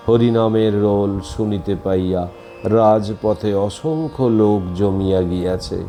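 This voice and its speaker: A man reading a devotional text aloud in slow, formal old-fashioned phrasing, breaking into sung hymns along the way. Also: fairly low pitch, dark tone. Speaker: devotional reader.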